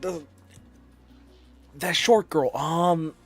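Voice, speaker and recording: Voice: medium pitch, extremely slow, soft background music. A game streamer reacting with playful, rambling asides and laughter. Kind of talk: live game stream commentary.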